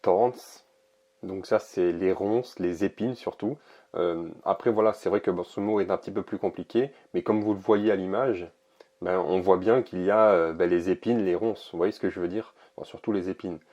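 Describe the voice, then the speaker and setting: A man casually showing an oracle card deck, talking in a relaxed, hesitant way with many pauses and fillers. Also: sits low, muffled recording. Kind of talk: casual product presentation to camera.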